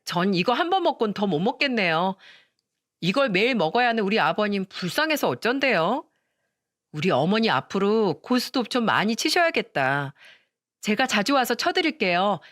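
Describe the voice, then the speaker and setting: A woman's voice: medium pitch, very animated, normal speed, a bit bright, no room sound, studio quality. A woman reading a story voices a rude, mocking young sister-in-law.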